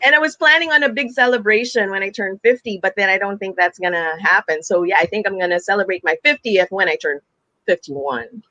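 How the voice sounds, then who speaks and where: A man's voice: high-pitched, fairly quick, bright, forceful tone, no room sound, low-quality recording. A man in his late forties hosting an interview, chatty and upbeat. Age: late 40s. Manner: chatty, upbeat, laughs often. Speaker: host. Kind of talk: interview talk show.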